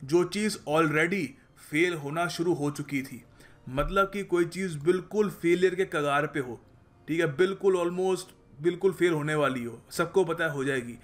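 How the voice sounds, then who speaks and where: A man with an Indian accent teaching English idioms in a conversational way, often checking in with listeners and reading English example sentences slowly and carefully. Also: on the high side, a bit bright. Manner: conversational, explanatory, checks in with "ठीक है". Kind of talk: explaining idioms in a lesson.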